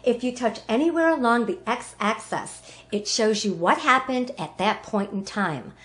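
A woman's voice: a little high, lively intonation, unhurried, a bit bright. A woman giving a bubbly, enthusiastic scripted product demo of a phone app. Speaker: product presenter.

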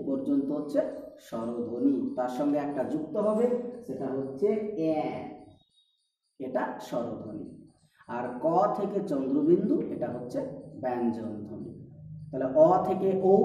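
A man's voice: fairly high pitch, dark tone. A man teaching a lesson, patiently repeating key points and asking his students rhetorical questions. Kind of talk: explaining a lesson. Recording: echoey, distant, dull-sounding room recording.

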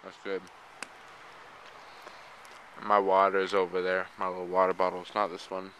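A man's voice: low voice, completely flat delivery, normal speed, a bit bright, slight background noise, low-quality recording. A man chatting offhand to his handheld camera in an empty campground outdoors at night, rambling about his campfire and the frogs. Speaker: vlogger. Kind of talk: casual camping vlog. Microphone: handheld camera mic. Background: croaking frogs.

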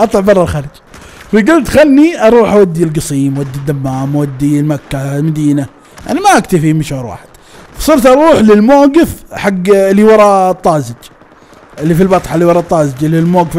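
Fast-talking Saudi man telling a story. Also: fairly high pitch. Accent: Saudi Najdi Arabic. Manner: lively, laughs often, colloquial, acts out dialogue. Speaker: storyteller recounting his past. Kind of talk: casual spoken storytelling.

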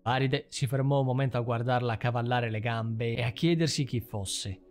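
A man reading stories aloud as the host of a storytelling channel, in a calm, even manner. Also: medium pitch, moderate pace. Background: background music.

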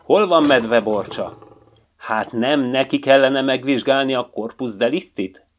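A man doing a booming lion king. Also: slight background noise, close to an everyday voice. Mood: commanding. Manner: firm, booming.

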